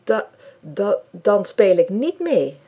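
A woman's voice: lowish voice, a little slow, mellow, husky. A woman reading aloud, voicing a whiny, stubborn little boy who stammers when upset. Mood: stammering. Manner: sulky, stammering.

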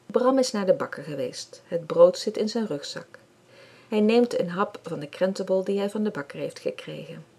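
A woman reading a children's story aloud, calm and clear. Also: mid-range voice, normal speed. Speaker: audiobook reader.

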